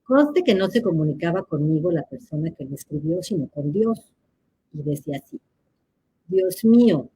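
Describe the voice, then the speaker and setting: A woman's voice: low-pitched, lively intonation, a little fast, dark tone, a little hiss or hum. A woman answers audience questions in a live chat, teacherly and playful, laughing at her own examples.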